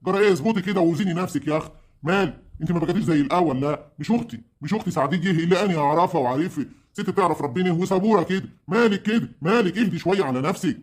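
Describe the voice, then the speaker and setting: A man's voice: high-pitched, racing. A man with an Egyptian accent playing an older, fair-minded village uncle who pleads and scolds. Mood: exasperated.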